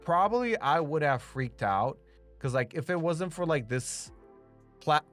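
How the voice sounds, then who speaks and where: Soft music plays under a young Romanian man's fairly high, lively, unhurried voice with a fairly bright tone. He streams and does voice acting, chatting with viewers in a slight accent, rambling, saying "like" a lot and swearing openly.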